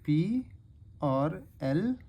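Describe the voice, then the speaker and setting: धीमे बोलने वाला शॉर्टहैंड शिक्षक पुरुष. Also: male voice, fairly high pitch, big pitch swings, warm tone, slightly rough, muffled recording. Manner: slow, stretches words to show the sounds. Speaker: shorthand teacher. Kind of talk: step-by-step lesson.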